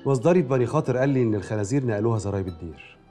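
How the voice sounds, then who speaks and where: An actor playing a weary senior official. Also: male voice, medium pitch, animated, very fast, warm tone, faint music behind, lightly acted. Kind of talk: Egyptian film acting.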